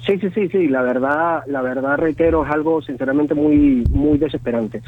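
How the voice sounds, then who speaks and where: A Venezuelan man in his thirties with a Venezuelan Spanish accent, speaking as a guest in a phone interview, halting and full of fillers and restarts. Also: fairly high pitch. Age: 30s. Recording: tinny phone line.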